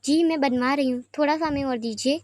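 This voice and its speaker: Woman playing a nervous deferential maid, high voice. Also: a little fast, a little mellow, dry recording, clean studio sound, close to an everyday voice. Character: nervous, polite palace maid.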